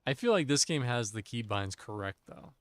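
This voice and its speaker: A man's voice: mid-range voice, lively intonation, normal speed, no echo. A man streaming an online game with friends, chatting casually in a playful, jokey, self-teasing way into a desk microphone. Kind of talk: casual gaming chat.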